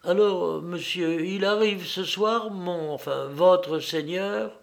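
Guy doing a shy simple old maid, kinda hesitant, slow audiobook. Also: sits high, creaky, pitched above the performer's own voice, heavily acted. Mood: timid. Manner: hesitant, naive. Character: simple, timid elderly housemaid woman.

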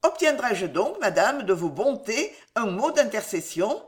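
A woman voicing an excitable, fawning young gentleman who pleads theatrically. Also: a little high, unhurried.

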